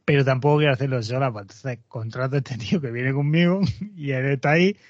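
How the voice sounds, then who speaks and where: A man's voice: mid-range voice, quick pace, no echo. A man in casual chat, telling a story with frequent laughter and acted-out quotes. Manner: laughs often, acts out quoted voices. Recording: dull, slightly muffled, dry audio.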